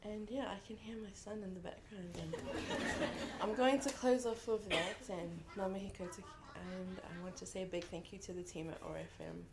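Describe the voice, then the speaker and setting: Heavy background noise surrounds a young New Zealand woman with a mid-range voice, a New Zealand accent, and fairly even intonation. As a contributor at a book launch, she delivers a heartfelt, reflective, earnest speech to the audience in the event room, pausing frequently.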